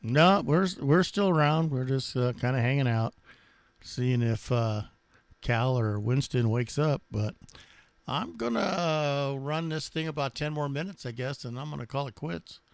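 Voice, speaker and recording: A man's voice: mid-range voice, animated, measured pace, gravelly, dry recording. A man chatting casually and hesitantly on amateur radio, rambling in a laid-back way. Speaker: amateur radio operator and live streamer.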